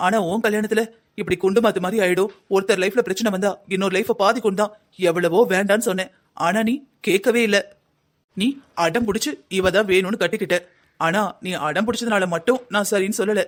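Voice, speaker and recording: A man's voice: sits high, fairly even intonation, brisk, fairly bright tone. A man voicing a worried middle-aged mother in a Tamil cartoon drama, talking earnestly at length. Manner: earnest, lecturing.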